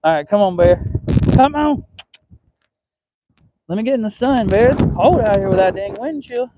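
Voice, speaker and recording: A man's voice: sits high, animated, a little fast. A man hosting a casual live vlog outdoors on a windy trail, chatting to viewers and scolding his dog as he walks. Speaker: livestream host. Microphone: mic with a wind cover, handheld while walking. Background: wind noise.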